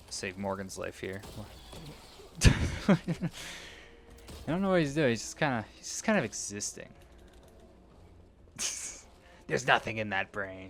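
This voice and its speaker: A young gaming video creator rambles casually while playing a video game, meandering, interrupting himself, and often losing his train of thought. His voice is lowish with a fairly bright tone, and there's slight background noise.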